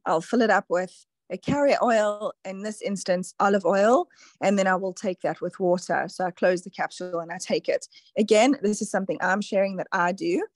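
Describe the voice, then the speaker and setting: A woman's voice: medium pitch, dry recording. A woman talks through tips on a casual online call, chatty and explanatory, her words tumbling out with fillers. Her voice sits mid-range and sounds close and dry. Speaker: presenter on a product call.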